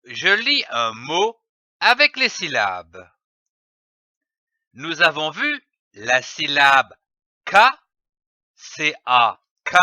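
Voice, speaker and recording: A man giving a scripted reading lesson for young children, slowly spelling out letters and syllables. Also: a little high, wildly swooping pitch, bright, forceful tone, no echo, muffled recording. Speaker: reading teacher.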